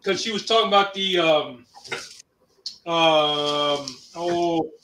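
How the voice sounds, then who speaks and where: High, bright-voiced man from Ohio. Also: slow pace, a little hiss or hum. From Ohio, USA. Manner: chatty, hesitant, many fillers. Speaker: co-host reading viewer chat. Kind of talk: casual livestream chat. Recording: roomy, mic at a distance.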